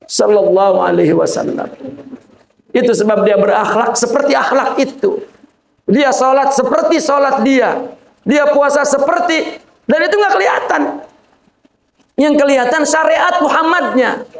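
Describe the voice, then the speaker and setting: A man, a sheikh, giving an informal religious sermon to a gathering, talking colloquially with joking asides and addressing listeners directly. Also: very high-pitched. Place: Islamic boarding school gathering. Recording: echoey room.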